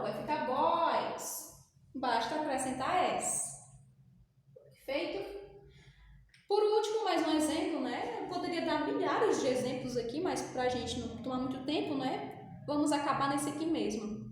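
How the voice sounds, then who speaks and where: This Brazilian English teacher speaks a bit slowly in a high-pitched, expressive voice colored by a Brazilian Portuguese accent. Working through a sixth-grade classroom lesson one step at a time, she poses questions and answers them herself, all in a strongly reverberant room.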